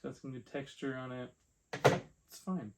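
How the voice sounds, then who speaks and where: Slow, wry man reviewing toys. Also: mid-range voice, heavy background noise. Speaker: toy reviewer. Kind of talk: casual unboxing chat.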